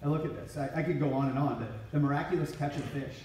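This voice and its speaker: A man's voice: fairly high pitch, fast, warm tone, far from the mic, a little hiss or hum. A middle-aged man giving an inspirational talk to a conference crowd, storytelling and acting out quoted lines with energy. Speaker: regional ministry director. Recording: echoey hall from off-mic.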